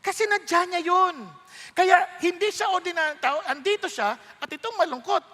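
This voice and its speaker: A man with a Filipino accent preaching a conversational sermon, animated and joking as he moves between his own language and English. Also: extremely high pitch, normal speed. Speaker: pastor. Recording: reverberant hall.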